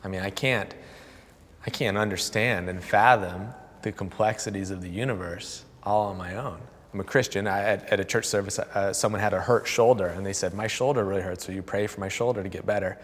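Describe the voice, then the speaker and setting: Candid pastor with a low voice. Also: male voice, steady tone, brisk, big-room sound. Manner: candid, self-deprecating storyteller. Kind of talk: panel discussion.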